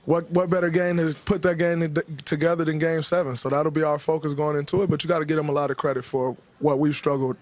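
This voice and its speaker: Speaking into a handheld mic on a postgame studio set, a young male guest player sounds relaxed and thoughtful, using many fillers. His pitch sits on the high side, and he talks fast with few pauses.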